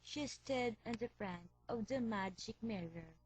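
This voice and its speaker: A woman reading a fairy tale aloud as storyteller, slow and careful. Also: on the high side, slightly rough, faint music behind, rough recording.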